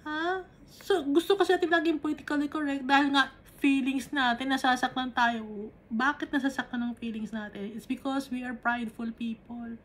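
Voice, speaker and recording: A woman's voice: high-pitched, steady tone, normal speed. A woman with a Filipino accent teaching a Bible study, switching between Tagalog and English and asking rhetorical questions.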